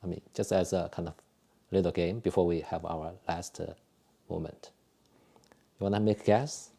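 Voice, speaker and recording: A man's voice: low voice, steady tone, creaky, breathy edge. A man instructing a live tai chi and qigong class in a conversational, step-by-step way. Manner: hesitant, repetitive, conversational when explaining; gentle, unhurried step-by-step cueing during exercises.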